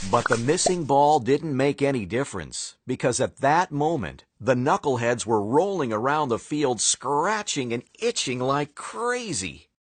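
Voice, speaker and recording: Guy reading a kids book out loud, slow n playful, voice bounces all over, dramatic pauses. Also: mid-range voice, sing-song. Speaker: narrator. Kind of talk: children's storybook reading.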